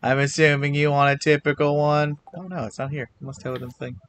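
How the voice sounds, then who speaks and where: A man's voice: fairly high pitch, flat delivery, fast talker, a bit bright, a little hiss or hum. A man streaming a game with friends, talking casually, playful and laughing often, with a groggy voice. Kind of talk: casual gaming stream chat.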